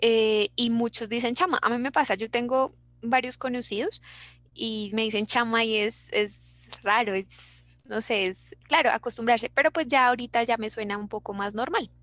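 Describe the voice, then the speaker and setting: Woman, Bogotá Colombian accent, young teacher, chatty online class, slightly high voice. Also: steady tone, moderate pace, fairly bright tone, no room sound. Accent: Bogotá Colombian Spanish. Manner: chatty, reads out student chat answers.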